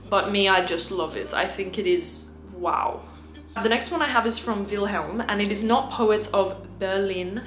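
Young Australian woman, lightly French-tinged accent, effusive casual vlog chat, roomy sound with soft music behind. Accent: Australian, with some French influence. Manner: gushing and effusive, slips into a lowered, breathy hush. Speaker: fragrance vlogger.

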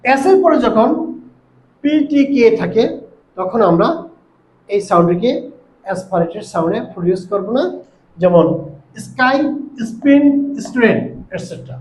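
High-voiced Bangladeshi male teacher, echoey room. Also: darkish tone. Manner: explains step by step with slow pauses; fillers while searching for words. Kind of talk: classroom lesson. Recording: echoey room with faint noise.

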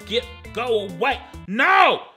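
Give me an animated young man with a bright, lively voice doing loud, sweary comedic commentary on phone games. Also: very high voice, takes it slowly, husky, faint music behind. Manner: loud, exclamatory, swears, sudden shrieks. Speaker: YouTuber.

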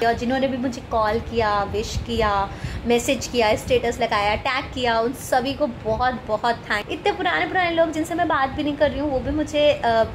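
A woman's voice: fairly high pitch, normal speed, background noise. A woman in her thirties, a vlogger chatting casually to a phone held at arm's length, mixing English words into her Hindi. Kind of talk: casual vlog chat to camera. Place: indoors at home. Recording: background music.

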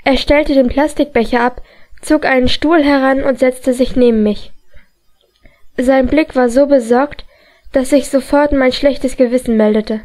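A woman narrating a novel in the first person as an audiobook reader, calm and measured. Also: high-pitched.

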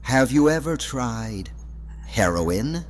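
In an audio drama, an actor voices a sinister, sly old mad professor, coaxing and manipulating in a theatrical, insinuating way. His medium-pitched voice is very animated yet slow. Music plays beneath a long reverb, and there's a slight hiss or hum.

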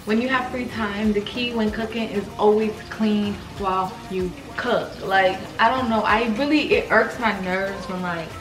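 A woman in her twenties, talking casually and relaxed in a home kitchen while she cooks for her vlog. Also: medium pitch, normal speed, hardly any pauses. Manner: chatty, relaxed, filler-heavy explaining while cooking. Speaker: vlogger. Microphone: camera mic from a few feet away. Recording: roomy kitchen echo, distant mic, loud music underneath. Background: loud Afrobeat music.

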